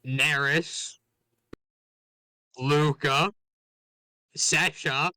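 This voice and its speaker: A man's voice: fairly high pitch, very slow, no echo. A man playing in a tabletop game, chatting casually and joking with the group. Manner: joking, animated banter. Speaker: player. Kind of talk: casual chat.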